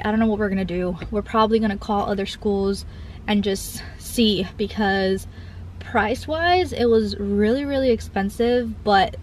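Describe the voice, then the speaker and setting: In her casual confessional vlog, a young mom with Cuban family roots rambles, filling her sentences with "like" and "I feel like." A camera on the dashboard or held close captures her mid-range voice, with slight background noise, in a parked car and later an outdoor park.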